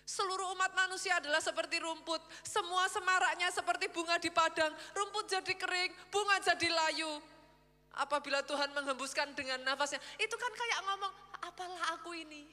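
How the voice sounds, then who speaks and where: A woman pastor preaching a lively sermon in a church, acting out quoted voices as she goes. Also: extremely high pitch, brisk, in a large hall. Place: church hall.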